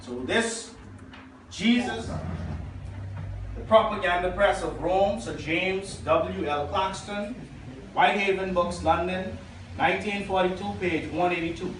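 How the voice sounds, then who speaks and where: A Bahamian pastor preaching, reading out quotations and checking in with his listeners. His voice sits high. He is heard from far off in a big, echoing church hall with a faint hiss underneath. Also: measured pace, a bit bright. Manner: preaching, reading quotations aloud, asking the congregation. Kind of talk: sermon.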